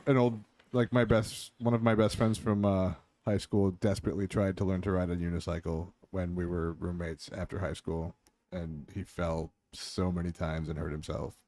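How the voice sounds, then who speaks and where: Low-voiced man telling a wry story. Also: level tone, normal speed, a little mellow. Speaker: player. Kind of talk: casual chat.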